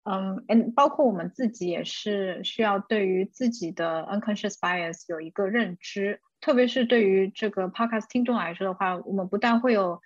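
Brief: measured woman podcast guest who pauses to think, recorded dry and lo-fi. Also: medium pitch, dry recording. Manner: measured, pausing often with hums. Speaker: game industry executive guest. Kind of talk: podcast conversation. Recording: dry, dull lo-fi sound.

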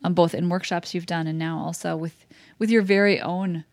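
A woman's voice: on the low side, steady tone, normal speed, darkish tone, no room sound. A woman co-hosting a podcast, upbeat and encouraging as she wraps up the episode. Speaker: podcast co-host. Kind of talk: casual podcast chat and sign-off.

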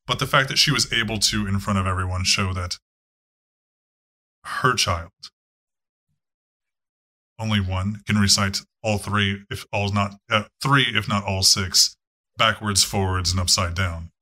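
A man's voice: lowish voice, fairly even intonation, unhurried, long pauses, sharp tone. A man narrating a tabletop game as game master, casual and profane, with frequent fillers.

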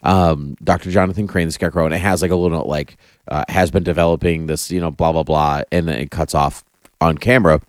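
Deep-voiced, enthusiastic man in casual chat. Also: fairly even intonation, quick pace, no room sound, clean studio sound. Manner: enthusiastic, repeats phrases for emphasis. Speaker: podcast host. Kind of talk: casual chat about comic-book TV.

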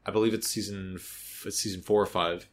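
A man in his thirties hosting a podcast, talking in a casual, animated way, swearing freely and restarting often. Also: low-pitched, fairly quick. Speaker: podcast host. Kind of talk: casual chat.

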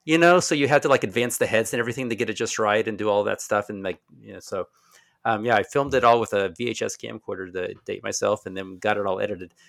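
A man with a trace of a Southern accent, chatting casually on a podcast. His voice is gravelly and bright, and he rambles through self-mocking stories. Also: lowish voice, fast. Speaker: podcast guest. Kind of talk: casual chat.

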